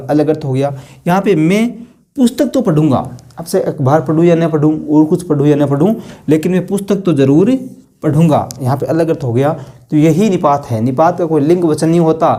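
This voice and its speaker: A man's voice: on the high side, mellow. A man teaching a Hindi grammar lesson online, explaining with rhetorical questions and repeating stressed example sentences.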